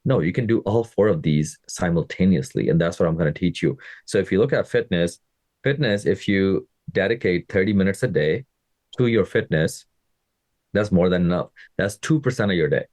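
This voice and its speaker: Deep-voiced male fitness coach, dry sound. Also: lively intonation, normal speed, darkish tone, no echo. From Pakistan. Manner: conversational, often checks in with listeners. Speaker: fitness coach and podcast host. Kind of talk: casual motivational podcast monologue.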